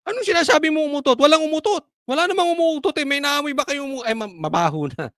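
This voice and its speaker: Man putting on a squeaky indignant guy swearing it wasn't him; high, rapid, defensive, dry close sound. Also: lively intonation, fairly bright tone, no echo. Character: shrill defensive man denying any blame.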